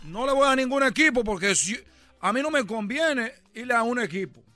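A man voicing a boastful Cuban baseball player with a Cuban accent in a comedic radio bit, loud and rambling, repeating himself. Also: very high voice, animated, a little fast, faint music behind, heavily acted. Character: boastful Cuban ballplayer, adult man, brash joker.

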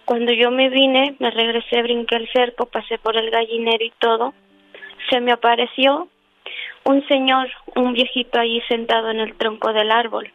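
A woman caller tells her story earnestly and devoutly, filling pauses as she goes. Her fairly high voice comes through a thin, dry phone line. Soft music plays underneath. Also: level tone, no room sound. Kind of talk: telling a personal story on a call-in radio show.

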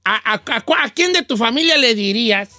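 Don Cheto, a reedy old joker. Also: male voice, expressive, brisk, sharp tone, no room sound, soft background music, heavily acted. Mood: joking. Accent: Mexican Spanish. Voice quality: high, reedy old-man voice. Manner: teasing, rambling, chuckles often. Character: cheeky old Mexican man, joking radio host. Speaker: radio host. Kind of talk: comedic radio talk show.

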